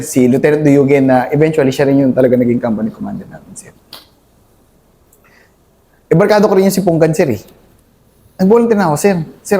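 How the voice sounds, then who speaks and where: A young man, a Filipino soldier, recounts a battle in a halting interview, calling his listener sir at nearly every pause. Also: sits high, mellow. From Philippines. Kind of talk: conversational war story interview.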